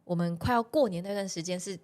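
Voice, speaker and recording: A young woman, a podcast guest telling personal stories in a casual, animated way and laughing often. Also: on the low side, fast. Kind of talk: casual storytelling chat.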